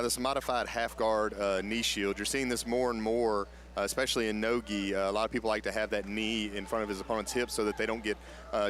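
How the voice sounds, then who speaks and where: A man's voice: on the low side, fairly bright tone. A man giving explanatory live play-by-play commentary on a grappling match.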